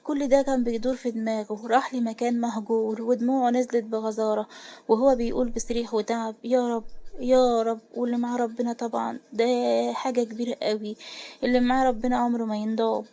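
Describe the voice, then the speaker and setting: A woman's voice: on the high side, flat delivery, warm tone. A woman with an Egyptian Arabic accent narrating a dramatic romance story, voicing its characters' lines with feeling. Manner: fast, emotional storytelling with voiced quotes.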